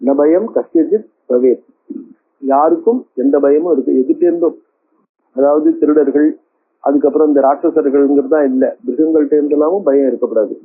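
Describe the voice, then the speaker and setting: An older male scholar gives a scripture discourse, slowly chanting each verse and then unpacking it in an easy, conversational way with English words mixed in. His voice sits a little high and sounds husky. The recording is thin and tinny, like a phone line. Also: fairly even intonation.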